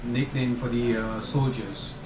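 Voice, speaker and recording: A man's voice: medium pitch, little pitch movement, unhurried, over music. A middle-aged man with a Nepali accent, informally explaining his wares as a shop owner. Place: small knife shop, indoors. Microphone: camera a few steps away. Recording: roomy, noisy shop sound off camera mic.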